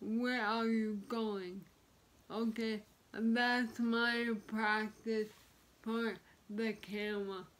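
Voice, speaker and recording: Very slow-talking woman wearing a retainer. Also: mid-range voice. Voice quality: slightly lisping, talking with dental retainers in. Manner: careful, halting, repeats words and self-corrects. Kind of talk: pronunciation practice on camera, reading single words. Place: small bedroom, indoors, sitting on bed. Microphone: phone propped at arm's length.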